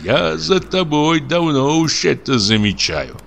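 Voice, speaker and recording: Male reader voicing a sexton's wife, calm, quiet, scornful, lifted voice, storybook. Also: on the high side, unhurried, vocal fry, a little hiss or hum, voice pushed up, full character voice. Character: calm, sharp-tongued village sexton's wife.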